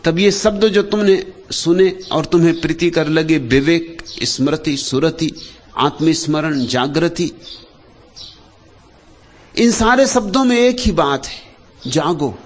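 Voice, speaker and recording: A man giving a spiritual discourse in short, deliberate phrases, pausing often and letting his voice sink low and soft at the end of each thought. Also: slight background noise. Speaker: spiritual speaker.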